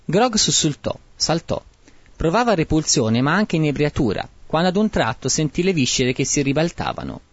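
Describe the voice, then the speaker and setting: A man narrating a bawdy comic tale in a mock-solemn, lively way, in a dry, dull lo-fi recording. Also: fairly high pitch, normal speed, no room sound.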